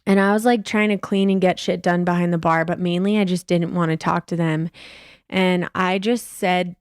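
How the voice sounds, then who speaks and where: Animated swearing woman podcast co-host. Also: fairly low pitch, moderate pace, smooth, dry recording, studio quality. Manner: animated, swears freely, acts out quotes. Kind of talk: casual storytelling chat. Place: podcast studio.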